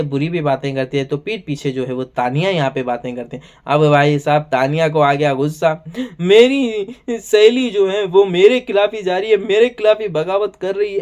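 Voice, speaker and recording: A man's voice: a little high, darkish tone. A man casually recapping and commenting on a reality show episode, chatty and full of filler words. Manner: chatty, keeps saying "bhai" and "yahan pe". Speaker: show reviewer.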